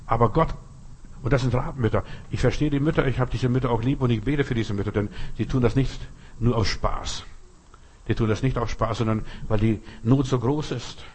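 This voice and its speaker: A man preaching a sermon, talking straight to the listener with vivid everyday images and sudden changes in loudness. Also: breathy edge. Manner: addresses listener directly, vivid everyday images, lively shifts in pitch and loudness. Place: Berlin.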